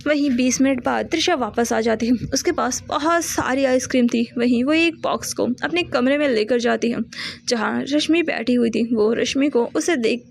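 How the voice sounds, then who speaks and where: Woman reading a love story aloud, high pitched, bit of fry, steady pace. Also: moderate pace, slight background noise. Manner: steady reading with small restarts. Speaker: narrator. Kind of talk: storybook narration.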